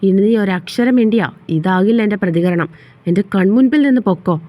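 A woman's voice: medium pitch, a little fast, dark tone, close to an everyday voice. A woman voicing an angry young husband who turns remorseful, in a storybook reading with curt, scolding lines.

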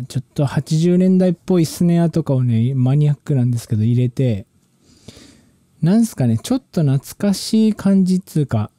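A man with a very mellow, warm voice sitting slightly high, chatting about his music in a loose, slangy ramble full of restarts. The sound is dry and close, with no room around it. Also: no echo. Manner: relaxed, rambling, slangy speech with many restarts. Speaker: musician and channel host. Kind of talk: casual talk about music production.

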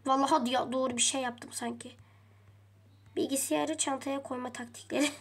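Woman, high voice, chatty, game role-play vlog narration, addresses viewers. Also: fairly even intonation, normal speed, slightly rough. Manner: chatty, addresses viewers often, mild swearing.

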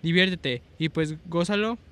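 Young guy gaming, highish bright voice, chatty, keeps going "how do you say". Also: moderate pace. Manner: chatty, fumbles for words. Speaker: gaming channel host. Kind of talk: casual gameplay commentary.

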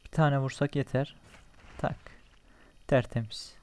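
Give me a young man with a smooth, clear voice doing casual gameplay commentary. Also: mid-range voice, steady tone, measured pace, a little mellow, no room sound. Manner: talks to himself and to enemies while playing, joking, swearing. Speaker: gaming channel host.

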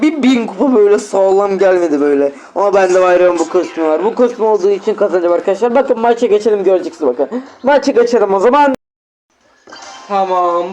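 Excitable young man commentating a game. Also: sits high, slight background noise. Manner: excitable, exasperated, talks straight to viewers. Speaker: gaming channel host. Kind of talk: live gameplay commentary.

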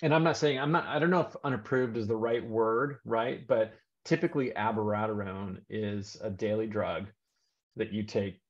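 A man's voice: lowish voice, moderate pace. A man speaking on a video call, rambling with many fillers and restarts. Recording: dull lo-fi call audio.

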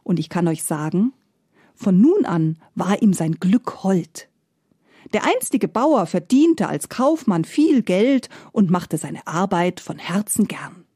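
A woman telling a fairy tale in expressive scripted narration, sometimes dropping to soft whispered phrases. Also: fairly low pitch, takes it slowly, husky, no room sound, studio quality. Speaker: storyteller.

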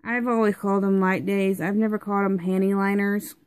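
At home, a young woman with a congested, stuffed-up voice rambles chattily through a product review, using plenty of fillers. She speaks briskly at medium pitch with little pitch movement and a slightly mellow tone, in a dry recording with no room echo.

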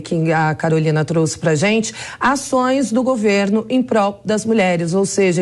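A young woman anchor in a TV studio with a mid-range voice. She sets up the topic in a measured way and hands a question to a guest. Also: medium pitch, darkish tone. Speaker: news anchor. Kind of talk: news anchoring.

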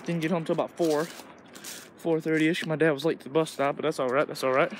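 A man's voice: a little high, steady tone, quick pace. A teenage boy from Illinois, talking loosely and crudely while walking through the woods with a phone camera. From Illinois, USA. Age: teens. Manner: rambling, crude, loose talk with lots of "like". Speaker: vlogger. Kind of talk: casual walking vlog. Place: outdoors in woods. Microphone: phone camera held while walking. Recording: noisy outdoor phone recording.

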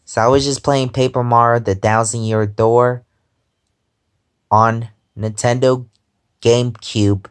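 A twenty-five-year-old man rambles slowly from his bed, his words drawn out and unhurried. His voice is smooth and clear, caught close on a phone just above his face. He keeps circling back with "because, um" as he chats. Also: mid-range voice. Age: 20s. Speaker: vlogger. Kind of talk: casual chat. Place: lying in bed at home, indoors. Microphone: phone held close above face.

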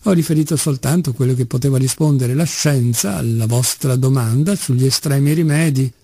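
A man's voice: medium pitch, fairly quick, warm tone, husky. A man reading the part of a haughty, irritable middle-aged doctor in an audiobook. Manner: haughty, snappish.

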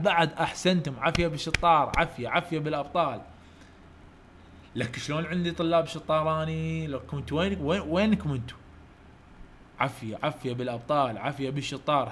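A man with an Iraqi Arabic accent, teaching English letters to children online, coaxing loud repetition and heaping praise. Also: a little high, slight background noise. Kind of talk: online letter-drill lesson.

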